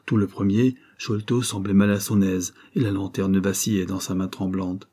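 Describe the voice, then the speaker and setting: A man narrating a classic novel as an audiobook, reading in a measured, even way. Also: sits low, slightly rough.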